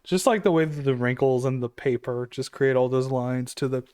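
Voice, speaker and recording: A man's voice: medium pitch, moderate pace, darkish tone, clean tone, no echo, studio quality. A man chatting casually about comics, laid-back and full of "dude" and "like". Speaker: podcast co-host.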